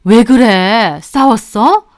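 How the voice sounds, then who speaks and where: A woman's voice: fairly high pitch, very slow, no echo, clean studio sound. A woman voicing a bossy, nosy older mother-in-law who nags and scolds her family in a story narration. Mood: scolding. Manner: nagging, scolding.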